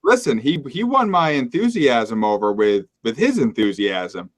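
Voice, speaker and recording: A man from Maine co-hosting a casual political talk show. He rants in a joking, sarcastic way. His voice sits at an ordinary middle pitch. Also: sing-song, unhurried. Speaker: podcast co-host.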